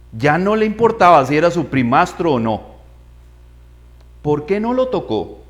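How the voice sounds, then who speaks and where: A man preaching a sermon, asking his congregation questions and acting out voices in the story. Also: sits high. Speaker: pastor.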